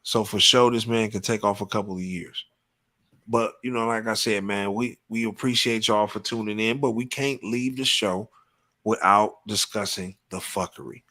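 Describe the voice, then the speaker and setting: A man's voice: fairly low pitch, fairly even intonation, moderate pace, pushed and bright. A man hosting a live show, talking in casual, profane, emphatic banter. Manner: profane, emphatic, repeats "you know what I'm saying". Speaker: podcast host.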